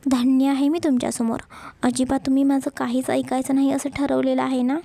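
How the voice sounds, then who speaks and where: A woman voicing a shy young wife who gently scolds her husband in a romance story. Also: sits high, little pitch movement, a little fast, vocal fry, dry recording. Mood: scolding. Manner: coaxing, mildly scolding.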